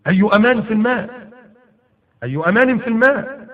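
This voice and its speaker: A man's voice: high voice, lively intonation, fast, pitched above the performer's own voice. An Egyptian-accented man preacher voicing a stern male caliph giving firm orders, over tinny audio. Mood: commanding. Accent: Egyptian Arabic.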